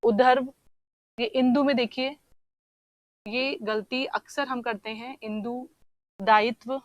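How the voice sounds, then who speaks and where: A woman teacher with a slightly high voice walks through exam questions at a steady, patient pace, repeating key words and checking in often. The sound is dry and close to the mic. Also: takes it slowly, no room sound, dull audio. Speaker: Hindi teacher. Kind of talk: online exam-prep lesson.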